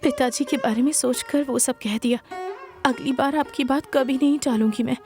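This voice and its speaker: Submissive young wife, pleading and gentle, high voice over film score. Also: female voice, fairly even intonation, normal speed, over music. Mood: devoted. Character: meek devoted young wife. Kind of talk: Hindi film dub acting. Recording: dubbed film with loud score.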